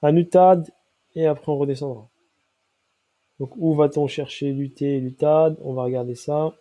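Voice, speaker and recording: His voice is on the high side, mellow and steady, moving at a normal speed, though a cold leaves it nasal and his nose stuffy. Going over a trading chart as a crypto analyst, he explains things and frequently checks in to confirm viewers are keeping up.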